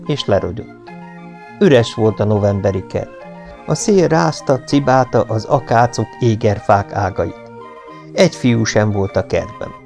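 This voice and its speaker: A man reading a novel aloud as an audiobook narrator, expressive and following the story. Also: on the low side, vocal fry. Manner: expressive, rises and falls with the story. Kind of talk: scripted narration.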